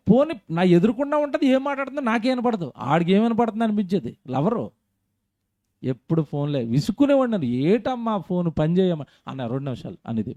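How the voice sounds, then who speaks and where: A man's voice: high-pitched, dark tone, no room sound. A man preaching a sermon in a conversational way, often asking his congregation questions and acting out quoted voices. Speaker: pastor.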